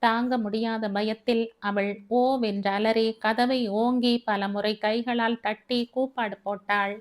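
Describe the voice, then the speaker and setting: A woman's voice: on the high side, steady tone, takes it slowly. A woman reading a family novel aloud as an audiobook narrator, telling it dramatically. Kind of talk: scripted story narration.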